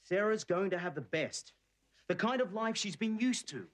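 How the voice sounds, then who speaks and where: A man's voice: high voice, animated, moderate pace, a bit bright. An actor playing a proud, earnest boxer in a television soap drama, insistent on providing for his woman. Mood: determined.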